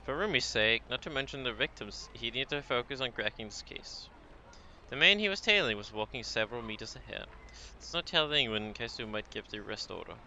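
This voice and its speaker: A man's voice: medium pitch, expressive, fairly quick, bright, forceful tone, a little hiss or hum. A man streaming a story game, reading its narration aloud in a casual, joking way.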